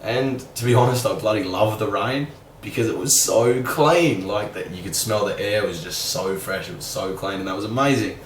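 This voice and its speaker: In a rambling, candid vlog monologue, a young man thinks aloud casually, leaning heavily on "like" and dropping mild curses. His lowish voice moves at a moderate pace with few pauses, captured with roomy sound, slightly off-mic, over a faint hum.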